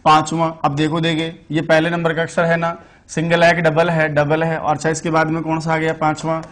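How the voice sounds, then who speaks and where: A man teaching Sanskrit in an online exam-prep class, telling chatty stories, putting questions to the students and explaining slowly and deliberately. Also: fairly high pitch, monotone, fairly bright tone.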